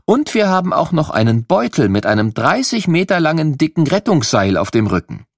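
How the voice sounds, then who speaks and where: A patient woman firefighter explains her heavy protective gear to the children in a lifted, clear voice, as a man puts her on. The storybook reading rises and falls lively and sounds dry and close. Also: a little high, a little fast, dry recording, voice pushed up. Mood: explaining.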